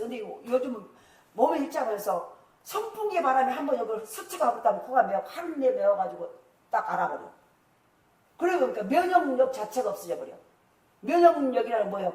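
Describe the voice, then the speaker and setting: A woman's voice: on the high side, sing-song, quick pace, a little mellow. Emphatic woman pastor preaching in an echoey hall. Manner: emphatic, laughing often, acts out quoted prayers. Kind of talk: revival sermon. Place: church sanctuary. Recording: echoey church hall, mic far off.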